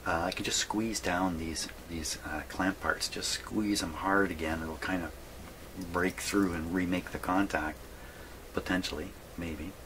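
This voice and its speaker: Deep-voiced and steady in tone, a man speaks at a measured pace as he casually narrates hands-on repairs of vintage radios, his hobby, from an indoor workshop. He rambles folksily while thinking aloud, with clear background noise audible.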